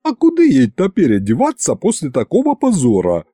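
A man voicing a formidable stout woman chief accountant, gruff and domineering, with blunt folksy speech and a booming manner. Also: wildly swooping pitch, brisk, warm tone, dry recording, studio quality, full character voice. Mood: gruff, bossy.

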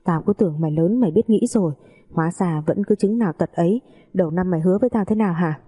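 A woman voicing an enraged, stern father-in-law who shouts rebukes at his son, in a storybook reading. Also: on the low side, fast talker, breathy edge. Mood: furious.

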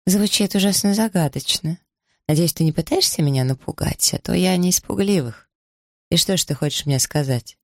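A man's voice: sits high, normal speed, creaky, dry recording, clean studio sound, pitched above the performer's own voice. A man reading aloud, putting on the voice of a bold, scornful young village woman with a mocking, haughty manner. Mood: teasing.

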